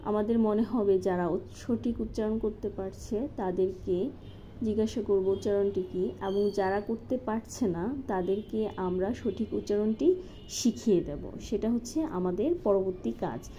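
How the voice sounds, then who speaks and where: A woman calmly walking through a lesson plan step by step, as a teacher-training instructor. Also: medium pitch, a little slow. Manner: methodical, step-by-step with occasional fillers. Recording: slightly dull lo-fi recording with faint noise.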